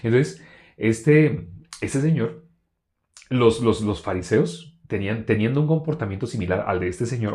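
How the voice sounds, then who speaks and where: Man, preacher, low voice, animated testimony storytelling, sermon style. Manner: animated storytelling, loudly quotes a shouting man.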